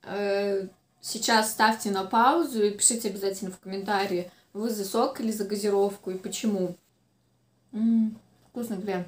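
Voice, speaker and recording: In a small indoor room, a mukbang vlogger in her twenties chats casually and a little hesitantly, chewing as she eats. Her mid-range voice is brisk with fairly even intonation, and the room adds a noticeable echo.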